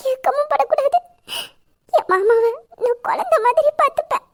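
Devoted young wife voiced by a woman, Tamil accent, very high voice, tearful and soothing, romantic audio drama. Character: devoted young wife Nila, tender and caring.

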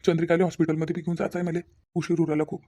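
Give me an actor voicing a reassuring cartoon father with a Vidarbha accent, warm and very fast. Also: mid-range voice, completely flat delivery, lightly acted. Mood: hurried. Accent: Vidarbha Marathi. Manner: reassuring, repetitive. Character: kindly father figure, soothing and protective. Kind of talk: cartoon voice acting.

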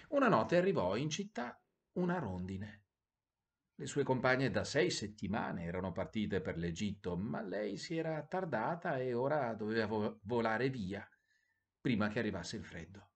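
A man, a priest, narrating a bedtime story in an expressive, sing-song storytelling manner. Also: on the low side. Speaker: priest telling bedtime stories.

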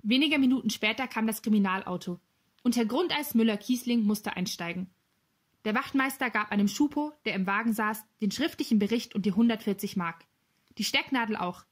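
A woman's voice: on the high side, a little fast. Woman reading a children's story aloud. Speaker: narrator. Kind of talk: audiobook reading of a children's novel.

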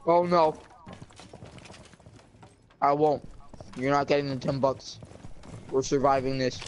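A man's voice: medium pitch, steady tone, takes it slowly, slight background noise. A man chatting casually with friends while playing online games, joking and pleading with them. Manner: joking, pleading, jumpy reactions.

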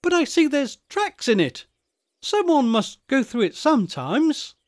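A man's voice: very high voice, very animated, unhurried, pitched above the performer's own voice, exaggerated voice. A man voicing an eager, earnest young English schoolboy in a storybook.

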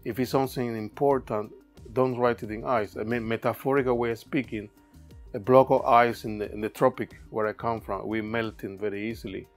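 Faint music plays behind a man with a steady, mid-range voice as he muses about his art. Born in Cuba and a native Spanish speaker, he talks with a Cuban accent, pausing thoughtfully and stumbling a little over the grammar, inside his cluttered studio workshop.

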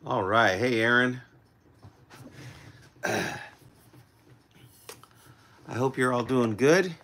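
A man hosting his own livestream in casual chat, halting with fillers and restarts, his voice still recovering from being lost. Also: mid-range voice, creaky, a bit bright, a little hiss or hum. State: recovering from voice loss. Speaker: singer-songwriter hosting a livestream.

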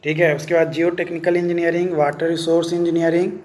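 An online instructor, a man with a somewhat high, level voice that is a little mellow, talks fast while informally explaining a recruitment notice. He often repeats filler phrases and mixes in English terms.

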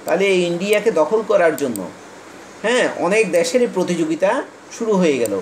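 A man from Bangladesh teaching an English lesson, reading English lines slowly and explaining quickly in Bengali. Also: high voice, lively intonation, a little hiss or hum, rough recording.

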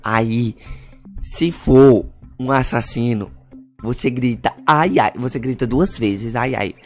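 A man's voice: mid-range voice, slow, soft background music. A man voicing a whiny, cowardly young boy, a spoiled superhero's son, in a Minecraft role-play. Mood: hushed scheming. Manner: whiny, dramatic, shrieks in panic.

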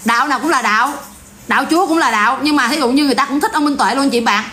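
A vlogger with a Southern Vietnamese accent rants bluntly and casually at her viewers, animated and repetitive. Her voice is high and she talks at a racing speed.

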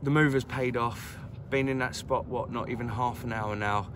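Chirpy angler by a lake. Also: male voice, mid-range voice, moderate pace, background noise. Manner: chirpy, chatty, excitable. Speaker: carp angler vlogger. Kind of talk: casual outdoor fishing vlog. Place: lakeside outdoors, crouched by the water.

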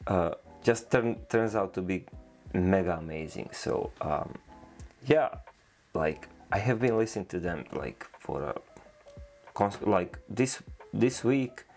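Low gravelly man reacting casually. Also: animated, takes it slowly, a little mellow. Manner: loose, rambling, enthusiastic, with many fillers. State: tired, yawning. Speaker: reaction video host. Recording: faint music playing behind.

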